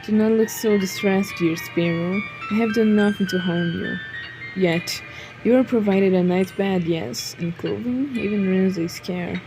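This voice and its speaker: A woman's voice: medium pitch, unhurried, music in the background, close to an everyday voice, poor audio. A woman voicing a cheerful, teasing male vampire lord in a game, speaking in a polite, courtly way. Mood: soothing. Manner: polite, teasing, stumbles over names.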